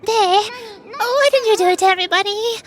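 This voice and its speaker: A woman streamer voicing a cute, excitable little anime girl, reading game dialogue aloud in a girlish, theatrical manner. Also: very high-pitched, a little slow, background noise. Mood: indignant.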